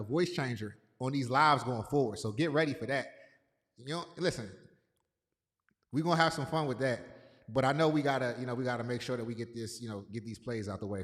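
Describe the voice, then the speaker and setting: A man hosting a casual livestream, speaking in a mid-range voice. He talks loosely and repeats himself, calling out viewers by name. A long, echoey reverb trails each phrase. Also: mid-range voice. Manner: loose and repetitive, greeting chat viewers by name. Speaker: livestream host.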